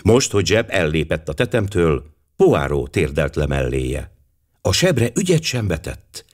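Low-voiced, expressive male audiobook narrator. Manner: expressive, measured storytelling.

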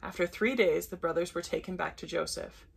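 A woman reading a children's Bible story aloud at bedtime, gentle and unhurried, with brief self-corrections. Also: on the low side, vocal fry, breathy edge.

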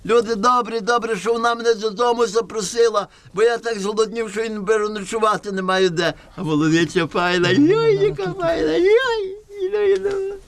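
A man's voice: high-pitched, steady tone, fast talker, few pauses, a bit bright. A man voicing a pleading, exclaiming village peddler with a Galician western Ukrainian accent in a folk puppet play. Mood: pleased. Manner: exclaiming, folksy, appealing to the crowd. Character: pleading, wheedling village peddler trying to sell his goat. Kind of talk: folk puppet theatre performance.

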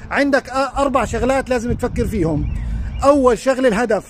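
Fast-talking high-voiced Levantine man. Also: animated, slight background noise. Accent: Levantine Arabic. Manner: earnest, advising, addresses viewers directly. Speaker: life coach. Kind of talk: live-stream advice talk. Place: outdoors beside a lake.

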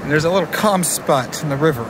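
A man's voice: a little high, quick pace, noisy background. A man casually narrating a vlog from a kayak on a river, rambling with restarts and fillers. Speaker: vlogger. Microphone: handheld camera.

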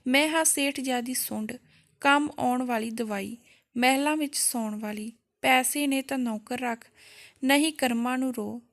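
A haughty, furious young woman snaps at everyone who asks her for help, as a female storyteller puts her on. The voice sits a little high and stays scornful and cutting. Told as a storybook tale. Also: steady tone, normal speed, dark tone. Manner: scornful, snapping.

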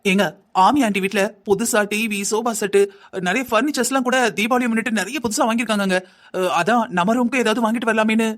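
An envious young wife in a cartoon drama, as a man puts her on, nagging and whining without a pause. The voice sits high and the words tumble out fast. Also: a bit bright. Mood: complaining. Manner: nagging, whining, quick and insistent. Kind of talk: Tamil cartoon voice acting.

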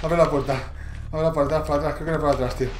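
A man's voice: a little high, steady tone, rapid-fire, slight background noise. A man commentating a horror game, panicky and swearing. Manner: panicky, swearing, shouting in fright. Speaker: gamer. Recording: echoey room.

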